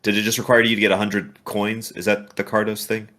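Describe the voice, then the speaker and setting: A man's voice: on the low side, level tone, brisk, pushed and bright. A man in a casual chat who rambles and restarts his sentences. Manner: rambling, full of fillers and restarts.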